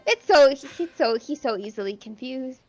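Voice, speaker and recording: High-voiced easygoing woman game master. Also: lively intonation, moderate pace, faint music behind. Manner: easygoing, giggly. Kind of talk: casual chat after a tabletop game.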